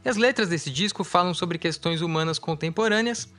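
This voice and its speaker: A man's voice: high voice, a little fast, fairly bright tone. A man co-hosting a radio music show, chatting easily and correcting himself as he thinks aloud. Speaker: radio host. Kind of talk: casual radio chat introducing songs.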